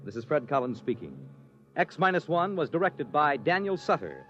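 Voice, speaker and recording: A man's voice: a little high, very animated, moderate pace, fairly bright tone, soft background music. A man with an American accent reading scripted credits as a 1950s radio announcer. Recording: dull old radio recording.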